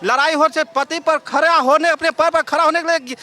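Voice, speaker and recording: A man's voice: extremely high pitch, fairly even intonation, a little fast, sharp tone. A man, a member of the public speechifying in a mocking, emphatic way in a street vox pop outdoors.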